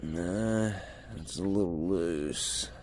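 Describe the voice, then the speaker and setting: A man casually narrating a hands-on how-to as he works, in halting phrases, filmed on a handheld phone. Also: sits low, darkish tone. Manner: unhurried, halting, narrating his actions as he works. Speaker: DIY car repair demonstrator. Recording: noisy handheld phone video, engine noise. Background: car engine and ambient noise.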